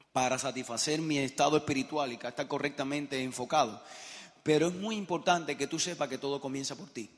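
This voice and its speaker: A middle-aged man with a Cuban Spanish accent, giving a live motivational business talk and questioning his audience emphatically. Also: on the high side. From Cuba. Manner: emphatic, addresses the crowd directly with questions. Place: large hall with a live audience. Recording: long hall reverb, crowd noise.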